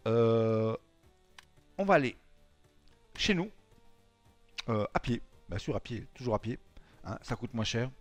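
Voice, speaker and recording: A man with a Swiss French accent chats his way through a game, rambling and padding his lines with fillers. His voice sits at an ordinary middle pitch and is recorded close and dry, with faint music underneath. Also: expressive, takes it slowly, pauses often, no room sound. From Switzerland. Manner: rambling, filler-heavy, tags lines with "hein". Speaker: let's play gamer. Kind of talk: casual gameplay commentary.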